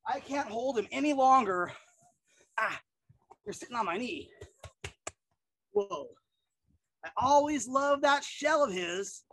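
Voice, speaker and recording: An enthusiastic middle-aged woman hosts a casual reptile show outdoors, her voice sitting a little high. She chats freely with surfer-style slang while handling the animals. The sound is dry and close, with little room around it. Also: lively intonation, slow pace, long pauses, fairly bright tone, no echo. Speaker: animal presenter. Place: outdoors in a yard.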